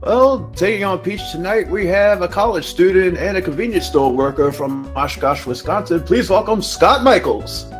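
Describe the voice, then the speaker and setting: Male co-announcer for a game show, high register, player introductions over prominent music. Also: lively intonation, moderate pace, hardly any pauses.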